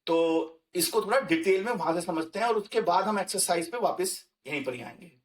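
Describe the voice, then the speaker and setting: A man's voice: high-pitched, expressive, fairly quick, recorded from a distance. A man teaching German grammar as a screen-recorded lesson, talking conversationally with fillers and restarts. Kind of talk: explaining German grammar in Hindi.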